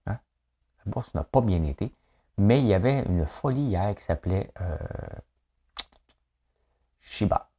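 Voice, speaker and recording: A Québécois man talks through the day's news on his own, chatty and loose, tossing in little tag questions and exclamations. His voice sits low, with a dark, mellow warmth. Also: husky. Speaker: morning news commentator. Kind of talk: casual solo commentary.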